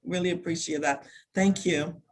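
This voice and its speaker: A woman's voice: on the low side, fairly even intonation, moderate pace. A woman council member introducing herself at an online council meeting, earnest and heartfelt. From United States. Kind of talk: self-introduction at a virtual meeting.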